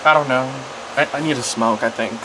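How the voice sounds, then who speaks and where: Halting, self-conscious vlogger with mid-pitched voice, noisy room. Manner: halting, rambling, trailing off. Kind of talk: casual confessional talk to camera.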